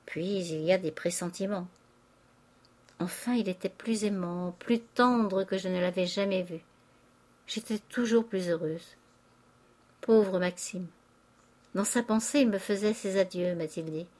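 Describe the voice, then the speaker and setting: A woman's voice: medium pitch, unhurried, long pauses, a little mellow, natural voice. A woman voicing a tearful young countess. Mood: distraught. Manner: tearful, pleading confession. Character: distraught young aristocratic wife, confessing. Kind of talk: audiobook character reading.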